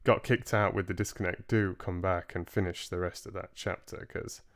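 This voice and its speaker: Low-voiced and fairly even in intonation, a man in his twenties reads a book aloud on a livestream and chats casually with his audience. He keeps a moderate pace, broadcasting from a small room in his home.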